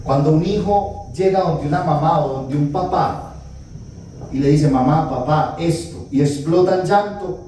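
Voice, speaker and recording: A man's voice: a little high, a little slow, dark tone. A man giving a retreat talk as a priest, telling scripture stories and acting out the dialogue with humor. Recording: echoey hall, distant mic, faint noise.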